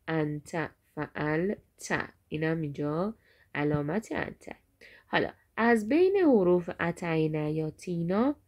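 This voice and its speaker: A woman teaches grammar to her students, speaking to them directly and drawing out each example word slowly so they can repeat it. Her voice sits a little low, with a gravelly, creaky texture. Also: a little mellow. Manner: repeats words slowly and stretched for drill. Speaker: Arabic teacher.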